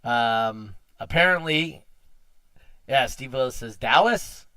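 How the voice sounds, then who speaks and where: A man hosting a casual car audio podcast livestream, chatty and quick to laugh. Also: mid-range voice, fairly bright tone, dry recording. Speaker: podcast host.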